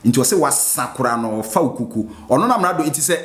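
Excitable Ghanaian man, roomy sound. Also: mid-range voice, fast talker. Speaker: music reaction host. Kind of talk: reaction commentary. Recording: roomy echo.

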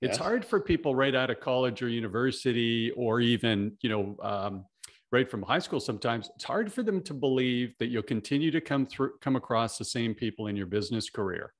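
Quick-ish and lively in intonation, his medium-pitched voice comes through a desk mic on a video call. A friendly, middle-aged Canadian podcast host, he peppers his casual interview chat with "you know."

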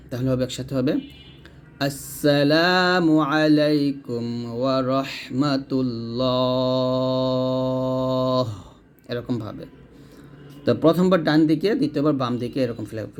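Man slowly teaching prayer pronunciation. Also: mid-range voice, warm tone. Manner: explains slowly, drawing out words to demonstrate pronunciation; repeats and corrects, addressing the listener directly. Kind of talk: instructional explanation.

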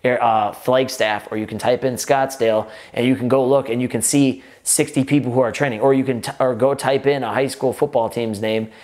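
An energetic man, a gym owner giving fitness business advice straight to the camera in run-on sentences full of restarts, seated at a table in an indoor office. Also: mid-range voice, brisk, hardly any pauses. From United States. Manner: energetic, run-on sentences with frequent restarts, gestures with both hands.

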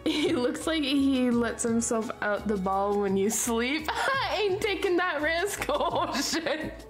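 A woman's voice: high voice, expressive, slow, soft background music. A woman streamer chatting casually with her viewers while she draws, laughing often between remarks. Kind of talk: casual chat during a live art stream.

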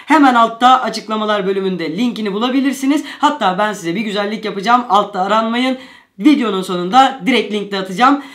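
A man's voice: high voice, fairly bright tone. A young man casually presenting an experiment show to camera as its host. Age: young adult. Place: indoor living-room style set on a couch.

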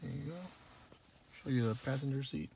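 A man filming on a phone in a car lot, showing viewers a new car in a relaxed, offhand way. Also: mid-range voice, a little fast, slight background noise. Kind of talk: casual walkaround video. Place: outdoor car dealership lot and inside a car. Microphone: phone held in hand while filming.

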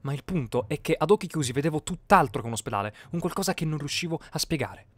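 A man's voice: a little high, lively intonation, fast talker, a little hiss or hum. A man narrating a first-person horror story with tense, dramatic delivery. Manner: tense storytelling, bursts of shouting in quoted lines. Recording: music bed behind the voice. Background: music.

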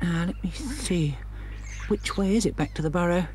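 A man's voice: sits high, expressive, normal speed, darkish tone, a little hiss or hum. An actor voicing a fussy, pompous elderly male womble who muses aloud in a cartoon. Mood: musing. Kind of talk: cartoon voice acting.

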